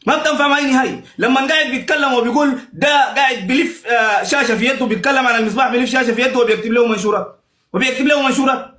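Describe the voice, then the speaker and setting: A man's voice: very high-pitched, bright, forceful tone, roomy sound. A man with a Sudanese Arabic accent in a heated, insulting livestream rant, repeating himself over and over.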